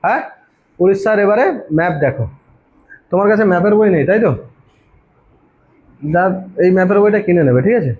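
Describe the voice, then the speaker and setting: A man's voice: sits high, expressive, brisk, pauses often, a little hiss or hum. A man, peppering the room with questions and then answering them himself. The recording is dull and lo-fi. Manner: quizzes students constantly, answers his own questions. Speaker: exam coaching teacher. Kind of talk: informal classroom lecture.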